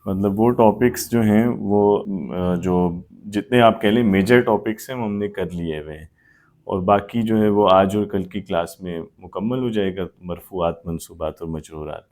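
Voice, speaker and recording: A man's voice: fairly low pitch, a little mellow. A man teaching Arabic grammar in a live online class, patiently explaining with many examples.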